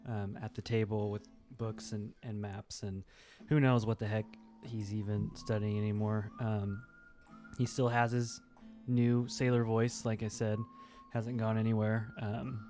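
A man's voice: lowish voice, flat delivery, unhurried, dark tone, soft background music. A man running a tabletop game, narrating and asking players questions in a casual way. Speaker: game master.

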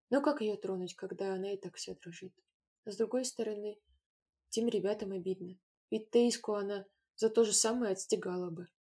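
A woman narrating a storybook with an expressive reading that gives each character its own voice. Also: mid-range voice, breathy edge. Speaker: audiobook narrator.

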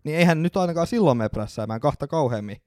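A man co-hosting a podcast who pushes back in a casual debate with calm, measured points. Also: a little high, no echo, studio quality. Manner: calm, measured counterarguments, opens with "no" and "niin". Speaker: podcast co-host.

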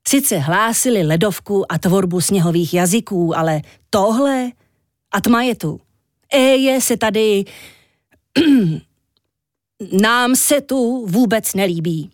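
A woman's voice: medium pitch, darkish tone, no room sound, studio quality, lightly acted. A woman reading a children's story, voicing a grumpy, complaining young man. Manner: grumbling, complaining.

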